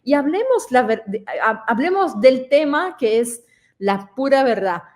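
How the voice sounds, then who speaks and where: A woman's voice: high voice, expressive, a little slow, a little mellow. A woman teaching an online lesson, explaining conversationally and asking listeners questions, speaking a language she learned as an adult. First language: not Spanish. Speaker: French pronunciation teacher.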